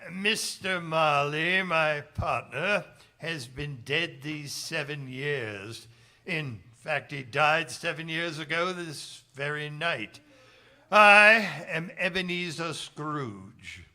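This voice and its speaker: An actor in a stage radio play voicing a cantankerous old miser with a gruff, scornful, muttering manner. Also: male voice, a little high, slow, pushed and bright, exaggerated voice. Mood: grumbling. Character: miserly, cantankerous old businessman, Ebenezer Scrooge. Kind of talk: stage radio drama acting.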